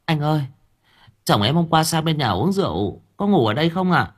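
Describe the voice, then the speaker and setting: A man voicing a young village wife who asks politely and anxiously, in a raised husky voice. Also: on the high side, sing-song, a little fast, voice pushed up. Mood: worried.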